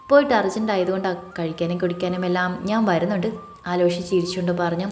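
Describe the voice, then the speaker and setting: A woman reads a romantic story aloud as an audiobook narrator and gives voice to each character herself. Her pitch sits in the middle range for a woman. The room carries a noticeable echo, with soft music underneath. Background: faint background music.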